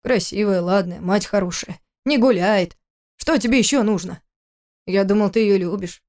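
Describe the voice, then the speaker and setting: A woman reading the part of a stern, domineering older father-in-law, gruff and commanding. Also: mid-range voice, normal speed, darkish tone, natural voice. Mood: pleading.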